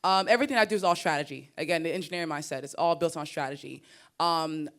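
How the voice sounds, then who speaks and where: A young woman with a deep voice speaks at a quick pace on a summit panel stage, appearing as a creator. Her accent blends Nigerian and American, and her conference talk is animated and expressive, with laughter and repeated words.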